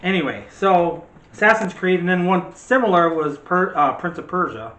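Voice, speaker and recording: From a room at home, a middle-aged movie channel co-host rambles casually and teases, his high-pitched voice expressive and fairly bright at a moderate pace. Roomy echo and faint background noise color the audio.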